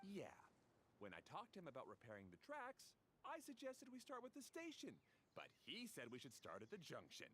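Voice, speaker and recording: A man's voice: a little high, huge pitch swings, moderate pace, a bit bright, slight background noise. An actor playing a grumbling adult man who resents his brother, complaining in a game's dialogue. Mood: indignant. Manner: complaining, indignant.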